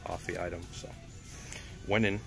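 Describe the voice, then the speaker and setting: A man's voice: medium pitch, expressive, unhurried, over music. A middle-aged man, chatty and upbeat, narrating a casual vlog to a handheld camera. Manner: chatty and upbeat, talks to viewers as he goes. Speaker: vlogger and truck driver. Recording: noisy handheld recording.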